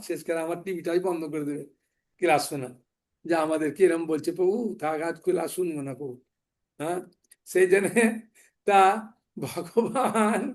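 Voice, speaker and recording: A man preaches in a relaxed storytelling way, speaking in a high register. He keeps the tone homely and conversational. He often checks in with the audience and asks them rhetorical questions. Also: creaky. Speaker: devotional preacher. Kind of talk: devotional storytelling sermon.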